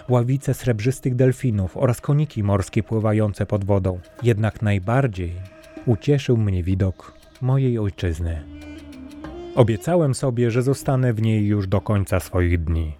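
A man reading a fairy tale as scripted storybook narration, calm and even. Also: on the low side, normal speed, soft background music. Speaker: audiobook narrator.

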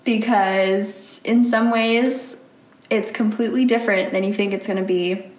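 A woman's voice: mid-range voice, fairly even intonation, unhurried. Chatty young woman in a roomy space. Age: young adult. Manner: chatty, giggly, filler-heavy. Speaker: college student guest. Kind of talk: casual interview chat. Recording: roomy sound with faint noise.

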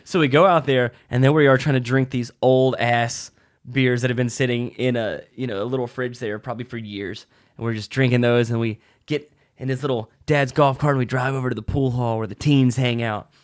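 A man's voice: medium pitch, brisk, no echo, studio quality. A man co-hosting a casual comedy chat, telling a story in a profane, self-mocking way and acting out the voices he quotes. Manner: animated, acts out quoted voices. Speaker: podcast co-host, aspiring comedian. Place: indoors in a house.

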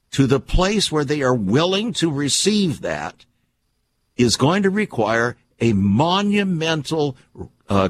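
This radio talk-show host, a man with a mid-range voice, delivers a deliberate opinion monologue that is emphatic, alarmist and conspiratorial. He leans on rhetorical questions and repetition, and the recording is dry.

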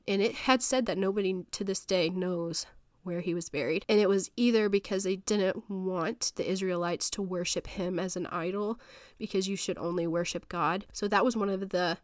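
A woman's voice: mid-range voice, no echo, studio quality. Stuffy-nosed woman in her thirties. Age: 30s. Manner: earnest, rambling, encouraging. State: stuffy-nosed from a sinus infection. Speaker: podcast host. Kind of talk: faith podcast monologue. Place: home office.

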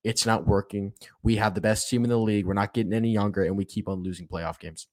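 A man's voice: on the low side, steady tone, fast. A man hosting a solo sports podcast, ranting about football in an impassioned, repetitive way. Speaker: podcast host.

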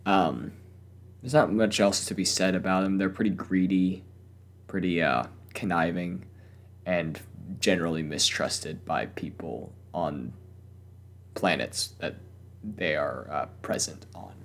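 A young man hosts a casual solo podcast in a low, steady, unhurried voice. A cough has left him sounding weak and strained, and he talks hesitantly with lots of fillers and restarts.

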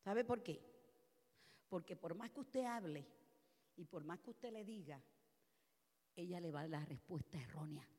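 A woman pastor preaching a passionate sermon, moving from soft, quiet passages to loud shouted ones. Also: on the low side, expressive, moderate pace, long pauses, long reverb tail. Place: church.

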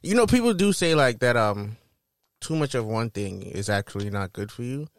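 A man's voice: mid-range voice, expressive, normal speed, dry recording. A young man from New talks in a loose, slangy way, padding his points with fillers. His voice sits in a middle register. The recording is close and dry with no room sound. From Brooklyn, New York. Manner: laid-back, slangy, full of fillers. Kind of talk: casual group chat.

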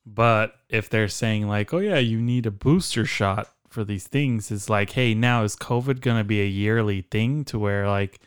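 A man's voice: on the low side, normal speed, hardly any pauses, clear, resonant tone. A man co-hosting a casual podcast, laid-back and easygoing, mostly giving short agreeing replies. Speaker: podcast co-host. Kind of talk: casual chat.

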